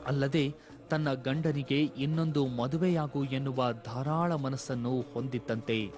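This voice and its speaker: A man reads scripted television narration in a measured, formal way, with a studio voice-over sound. His pitch sits in an ordinary middle range. Faint music plays beneath him. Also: steady tone, a little mellow.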